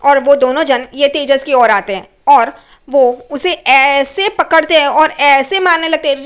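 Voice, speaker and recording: A woman recapping a TV serial episode in a casual, animated storytelling style. Her voice is high and she narrates scenes vividly.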